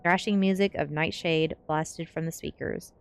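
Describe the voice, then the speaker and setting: Narrating a gothic teen tale like an audiobook, a woman streamer speaks in a low, steady voice at a moderate pace. Faint music plays in the background.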